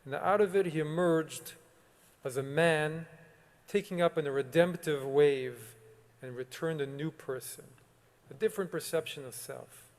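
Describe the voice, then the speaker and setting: A man, a rabbi, delivering a solemn, measured sermon with long pauses. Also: fairly high pitch. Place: synagogue sanctuary. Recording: long reverb of a large sanctuary.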